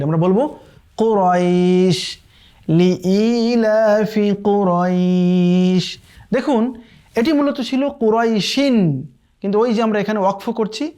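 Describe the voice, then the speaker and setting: A man teaches Quran recitation in an online lesson. He explains the rules briskly and keeps asking his listeners whether they follow. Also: high voice, darkish tone. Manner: explains quickly, then recites verses slowly and drawn out; often checks in with listeners asking "okay?".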